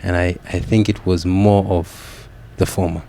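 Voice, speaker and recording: A young Kenyan man with a low, mellow voice talks candidly as a podcast guest. He reflects at an easy pace, circling back with restarts and small repeated yeahs. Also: level tone, measured pace, a little hiss or hum. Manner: reflective, with frequent "yeah" and restarts.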